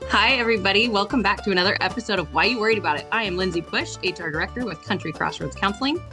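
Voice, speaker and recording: A woman's voice: mid-range voice, very fast, music in the background. A woman co-hosting a podcast as an HR director, chatty and peppered with "like". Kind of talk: casual podcast chat.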